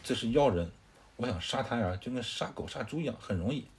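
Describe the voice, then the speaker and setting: A man's voice: medium pitch, animated, brisk, slight background noise, lightly acted. A man doing a hot-tempered young warlord. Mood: scornful. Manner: commanding, indignant.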